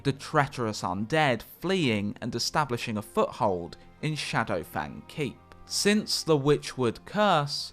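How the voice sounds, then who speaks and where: A man reading scripted game lore narration with measured, dramatic storyteller phrasing. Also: mid-range voice. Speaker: video narrator. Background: background music.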